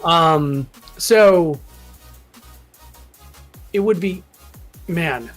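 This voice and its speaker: A man's voice: a little high, drawn-out words, soft background music. Laughing, stammering man in casual chat. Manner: laughs often, stammering reactions. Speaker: podcast co-host.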